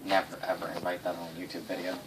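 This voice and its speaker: A low-voiced man races through casual, improvised game history for his players, swearing, animated and punching words for drama. The mic sits far off and the room is noisy.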